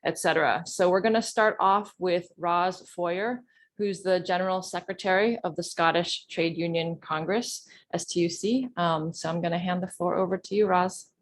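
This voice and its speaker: Lowish-voiced woman moderating, halting delivery. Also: steady tone. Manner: hesitant, halting phrasing. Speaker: meeting moderator. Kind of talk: informal online meeting hosting.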